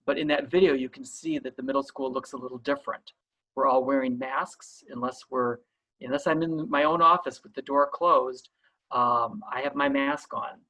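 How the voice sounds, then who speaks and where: Bright-voiced man explaining school procedures. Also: medium pitch, fairly even intonation, normal speed, rough recording. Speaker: school principal. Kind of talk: online school orientation talk.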